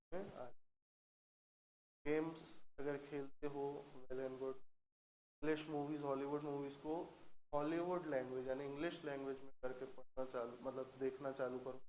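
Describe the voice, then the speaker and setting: A man teaching English grammar in a classroom, who dictates example sentences slowly and keeps asking the class if it is clear. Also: a little high, darkish tone, echoey room, a little hiss or hum, rough recording.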